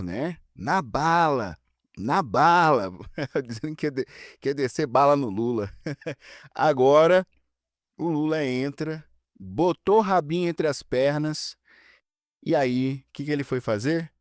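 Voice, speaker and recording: A man's voice: mid-range voice, unhurried, a little mellow, no room sound, studio quality. Sarcastic Brazilian male commentator. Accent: Brazilian Portuguese. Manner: sarcastic, talks straight to viewers. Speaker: political commentator. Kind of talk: casual political commentary.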